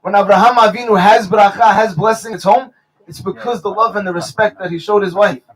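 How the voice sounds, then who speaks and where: A man with a high voice speaks at a wedding under a chuppah. He tells stories and jokes to the bride and groom, and he mixes Hebrew blessings into his talk. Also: steady tone, brisk, rough recording. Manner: warm storytelling with Hebrew blessings. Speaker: wedding officiant.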